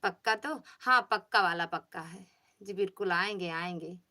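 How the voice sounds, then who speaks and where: A woman's voice: lowish voice, moderate pace, sharp tone. A woman host, chatting casually on a phone livestream, greeting viewers by name and coaxing them. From Pratapgarh, Uttar Pradesh. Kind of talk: casual livestream chat, reading viewer comments.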